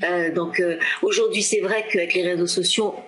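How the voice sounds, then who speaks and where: A woman from France in her forties speaks in a slightly low voice. She talks in an easygoing, chatty interview manner, full of fillers and small restarts. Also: steady tone, normal speed, fairly bright tone, a little hiss or hum, rough recording. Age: 40s. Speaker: association founder, interviewee. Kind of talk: casual interview talk.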